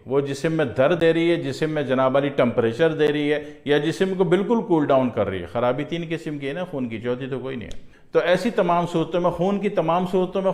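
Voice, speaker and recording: A man's voice: mid-range voice, reverberant. A man in a casual, chatty health talk about herbal remedies, repeating his points and tossing in joking asides.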